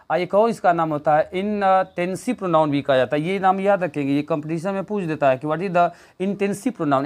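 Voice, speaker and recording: Man, grammar teacher, raised pitch, asks and answers his own questions, repeats key words. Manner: quizzing questions to students and answering them himself; frequent fillers and restarts, repeats key words. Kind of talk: classroom grammar lesson.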